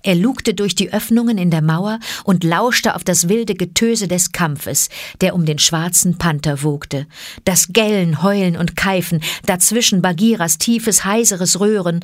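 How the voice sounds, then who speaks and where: A woman narrating a classic jungle story in a calm, measured and expressive way. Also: on the low side, dry recording, studio quality. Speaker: audiobook narrator.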